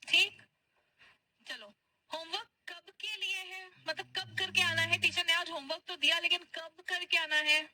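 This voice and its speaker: A woman teaching spoken English, patiently drilling short phrases and repeating them slowly. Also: very high-pitched, little pitch movement, sharp tone, no room sound, poor audio. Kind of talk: spoken English class for Hindi speakers.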